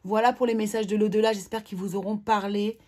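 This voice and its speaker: Brief: female tarot reader, slightly husky tone, calm, measured reading with some hesitation. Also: mid-range voice. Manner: calm reading of card messages with hesitant fillers.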